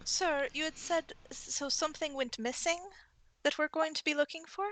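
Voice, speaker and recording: A female player in a tabletop game who presses with pointed questions. Her voice is high. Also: steady tone, moderate pace, fairly bright tone. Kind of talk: casual tabletop chat.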